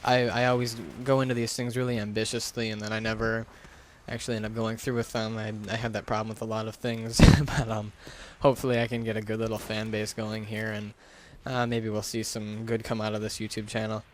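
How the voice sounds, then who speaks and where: Brisk and level, with a lowish pitch, a man offers offhand gaming commentary through a headset over slight background noise. As a gaming YouTuber, he speaks unscripted, hesitating, rambling and poking fun at himself.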